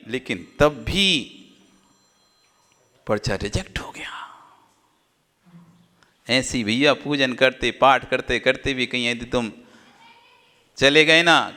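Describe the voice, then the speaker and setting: A man giving a Jain sermon, repeating phrases and swinging from loud exhortation to hushed low asides. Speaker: Jain monk preacher. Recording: long reverb of a hall.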